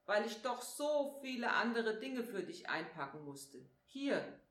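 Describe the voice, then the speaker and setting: A woman voicing Saint Nicholas, a stern but kindly old man who grumbles and gently scolds a child. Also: on the high side, big pitch swings, measured pace. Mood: friendly. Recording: echoey room.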